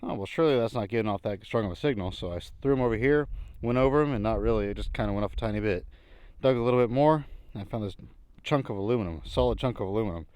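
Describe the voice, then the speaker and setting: A man with a fairly low voice talks quickly through a casual outdoor vlog. He is folksy and muses aloud as he works. The sound is dry and close, with no echo. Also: a little mellow. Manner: folksy, thinking aloud, musing. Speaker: vlogger narrating a treasure hunt. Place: outdoors in an old junkyard.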